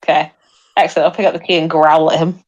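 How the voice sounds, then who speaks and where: A woman's voice: low voice, level tone, quick pace, highs cut off. A woman playing a tabletop game, chatting casually and thinking aloud.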